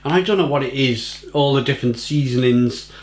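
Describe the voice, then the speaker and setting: A man reviews snacks casually in an echoey room with faint background noise. He munches crisps as he goes, rambling along with mock-dramatic emphasis at a medium pitch. A packet crinkles around his words. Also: fairly quick. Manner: munching crisps between phrases. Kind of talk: casual food tasting review to camera. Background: crisp packet crinkling and crunching.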